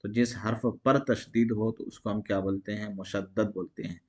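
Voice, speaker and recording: A man's voice: on the low side, little pitch movement, moderate pace, lo-fi sound. A man teaching an exam-prep grammar lesson, asking each question aloud and answering it himself in a repetitive call-and-response way.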